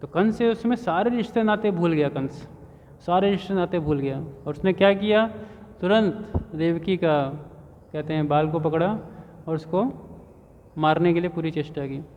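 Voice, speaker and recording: A man's voice: fairly high pitch, moderate pace, darkish tone, slight background noise. A man telling a devotional story as a sermon, narrating with frequent rhetorical questions in a temple hall. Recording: dull reverberant hall sound.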